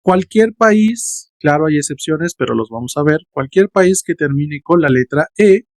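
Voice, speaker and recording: Lively man teaching French. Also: fairly high pitch, moderate pace, dry recording. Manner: lively teacher who addresses students playfully. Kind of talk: online language lesson.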